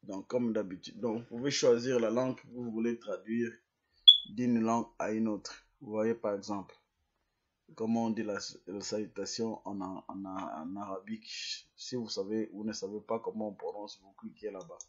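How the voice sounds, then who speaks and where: A man explaining a software tutorial step by step. He restarts and repeats words as he clicks through a screen demonstration. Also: lowish voice, steady tone, moderate pace, slightly rough, dull audio.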